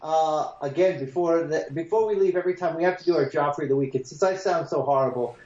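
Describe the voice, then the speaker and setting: A man's voice: fairly high pitch, quick pace, mellow. A man co-hosting a podcast in casual chat, hesitant with many fillers, his voice hollow and echoing as if he talks from inside a hole. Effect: hollow echo, sounds like talking from inside a hole. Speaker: podcast co-host. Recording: echoey, muffled remote line.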